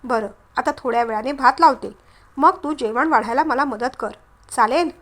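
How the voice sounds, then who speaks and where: A gentle middle-aged aunt who keeps the peace at home, read by a woman narrator in a family story. Her voice is high and soothing. She coaxes everyone along. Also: moderate pace.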